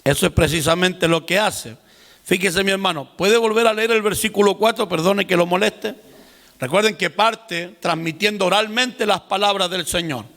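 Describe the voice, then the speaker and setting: A man's voice: sits high, moderate pace, vocal fry, fairly bright tone, big-room sound. A man teaching a seminar class, explaining patiently and speaking directly to his listeners. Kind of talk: classroom lecture.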